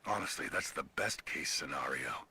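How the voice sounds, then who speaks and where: An actor playing a nervous contractor who secretly sells gear, talking in a hushed, furtive way in a video game. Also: male voice, very deep voice, expressive, normal speed, a little hiss or hum, heavily acted. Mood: uneasy. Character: nervous male contractor selling gear on the sly.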